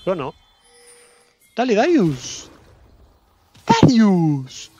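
A man with a Rioplatense Spanish accent giving excitable live gameplay commentary as a streamer, swearing casually and repeating his phrases. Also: high voice, extremely slow, slightly rough, highs cut off.

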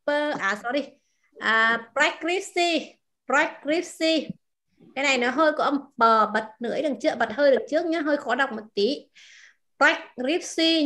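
Bright high-voiced woman teaching vocabulary. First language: Vietnamese. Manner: repeats words slowly, asks the class questions. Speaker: language teacher. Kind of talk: explaining vocabulary to a class.

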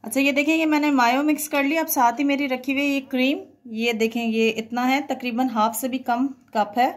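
In this step-by-step cooking tutorial voice-over, a woman walks through a home recipe in a chatty, instructional way, slipping in English words. Her voice is high and steady in tone, and she talks fairly quickly.

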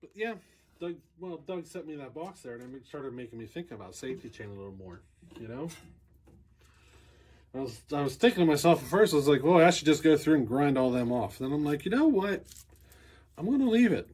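This chainsaw channel host in his forties has a fairly high, very animated, fairly quick voice with a darkish, husky tone. He explains things casually and practically in plain speech full of ums and you-knows, recorded close on a handheld camera in a cluttered indoor workshop garage.

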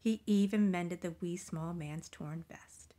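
A woman reading a children's picture book aloud, gentle and expressive, often dropping into soft whispers. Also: fairly low pitch, slow. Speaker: storybook reader.

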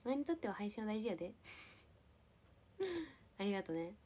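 A woman's voice: medium pitch, very animated, normal speed, warm tone, husky. A young woman from Japan casually chatting with viewers on a livestream, playful and giggly as she answers comments. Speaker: live streamer.

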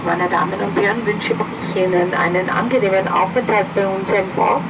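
Woman's plane cabin announcement over PA. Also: mid-range voice. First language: German. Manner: formal, measured, courteous. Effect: cabin PA loudspeaker. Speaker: flight attendant. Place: airliner cabin. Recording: distant PA in a loud cabin. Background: engine and cabin noise.

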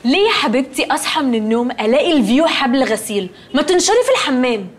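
A snippy, scolding roommate. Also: female voice, high voice, lively intonation, rapid-fire. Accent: Egyptian Arabic. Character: fashion-conscious young woman roommate, snippy.

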